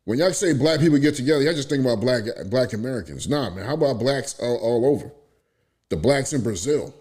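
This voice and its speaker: This podcast host is a Bronx native whose mid-range voice is brisk, with a breathy edge. He keeps the chat casual, spinning animated stories and acting out the voices of people he quotes.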